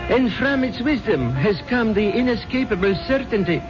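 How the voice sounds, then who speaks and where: An actor playing a solemn, impressive guru, preaching about souls in a grandiose, declamatory lecture style for a 1970s radio drama. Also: male voice, high-pitched, animated, moderate pace. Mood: solemn, oracular. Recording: dull vintage radio recording with music.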